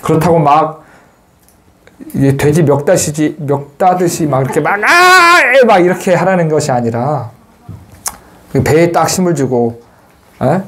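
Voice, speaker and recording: Joking monk giving a temple sermon. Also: male voice, a little high, moderate pace, long pauses. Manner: chatty and joking, teases the listeners, shouts chants to demonstrate. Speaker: Buddhist monk giving a Sunday dharma talk. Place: temple hall with listeners.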